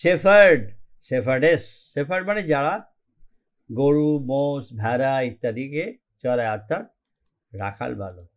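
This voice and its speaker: A man's voice: mid-range voice, unhurried. A man teaching an English grammar lesson in Bengali, explaining step by step and often checking whether the students follow. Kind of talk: online classroom lesson.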